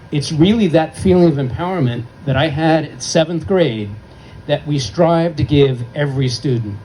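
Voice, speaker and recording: A man's voice: on the high side, dark tone, a little hiss or hum, poor audio. A man giving a formal award acceptance speech at a ceremony, earnest and heartfelt, telling a story to make his point. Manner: earnest, heartfelt, emphatic list-making.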